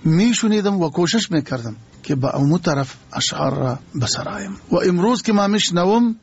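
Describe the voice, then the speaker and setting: A man's voice: sits high, animated, husky. An older man, a poet speaking Dari with an Afghan accent, answers interview questions in a formal and reflective way. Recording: muffled radio broadcast.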